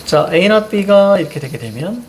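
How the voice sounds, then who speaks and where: A man's voice: high-pitched, sing-song, measured pace, noisy background. A man teaching a Korean reading class, walking students through a text and checking their understanding with short prompts. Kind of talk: classroom lecture.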